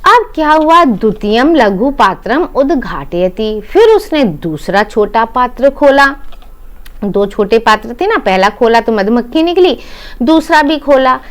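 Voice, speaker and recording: A woman's voice: fairly high pitch, big pitch swings, a little slow. A woman teacher explaining a Sanskrit lesson in Hindi, going word by word, repeating each meaning and checking in with her students. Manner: addresses students as "बेटा".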